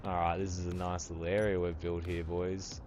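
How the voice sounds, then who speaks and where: Man, around fifty, relaxed live-stream chatter, lowish pitch, faint music behind. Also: moderate pace. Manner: laid-back, swears freely, keeps calling viewers brother. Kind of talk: casual live-stream chat while gaming.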